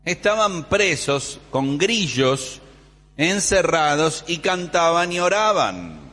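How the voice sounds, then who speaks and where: A man preaching a sermon, quoting scripture and telling the stories with animated storytelling. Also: fairly high pitch, slow pace. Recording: long reverb in a large hall.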